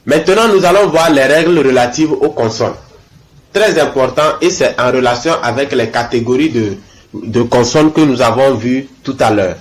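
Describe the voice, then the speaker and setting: A man teaching a language lesson, spelling out letters and example words slowly and saying each twice, often checking in with "ok?". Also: mid-range voice.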